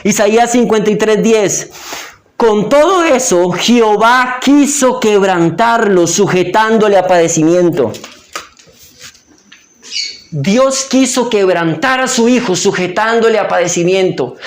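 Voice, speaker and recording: A male pastor giving an impassioned sermon, stressing phrases slowly and emphatically. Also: high-pitched, expressive, reverberant. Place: church.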